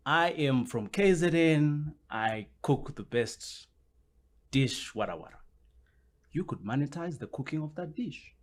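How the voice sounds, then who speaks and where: A man, a guest on a podcast interview, explaining his points at length and often circling back with "which basically means". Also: on the high side.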